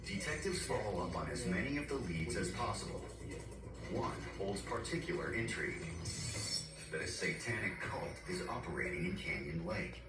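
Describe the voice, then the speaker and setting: A man with a deep, animated voice reads scripted true-crime narration as a documentary narrator at normal speed. It's heard as echoey, distant TV playback beneath loud background music.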